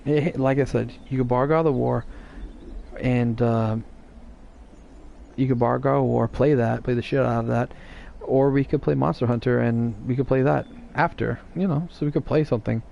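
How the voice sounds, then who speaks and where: A man's voice: medium pitch, steady tone, normal speed, vocal fry, mellow, highs cut off, a little hiss or hum. A man streaming live, chatting casually and teasing his viewers in a rambling way.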